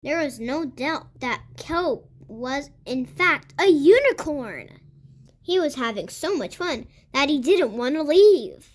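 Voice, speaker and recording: High-voiced child reading a storybook, slow and animated. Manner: expressive, emphatic storytelling. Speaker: host of a read-aloud channel. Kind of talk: storybook read-aloud for kids.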